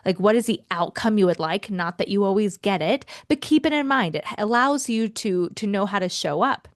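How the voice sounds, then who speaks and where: A woman hosts a self-help podcast in a casual, expressive monologue and speaks to her listeners as friends. Her pitch sits in the middle range. The recording is dry and close. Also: normal speed, no room sound. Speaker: podcast host and life coach.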